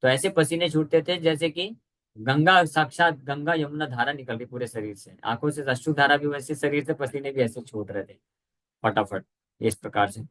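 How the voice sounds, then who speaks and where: A man giving a devotional scripture lecture in conversational Hindi with English words mixed in, slowing down to chant verses. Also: mid-range voice, a bit bright, rough recording.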